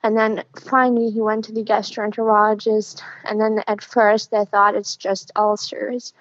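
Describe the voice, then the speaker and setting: A woman's voice: mid-range voice, level tone, dry recording. Young woman caller on a dull phone line. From Germany. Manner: halting, hesitant, soft-spoken. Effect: call-in phone line. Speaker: radio show caller. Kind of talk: casual call-in conversation.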